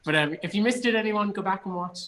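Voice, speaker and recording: With a high-pitched voice and a quick pace, an Irish actor from Cork who runs a theatre company talks eagerly in a casual interview. Background noise can be heard.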